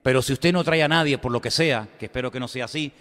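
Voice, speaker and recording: A man preaching a sermon in a conversational storytelling manner, swinging between loud emphatic lines and quiet asides. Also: medium pitch, fast. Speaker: pastor. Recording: long hall reverb.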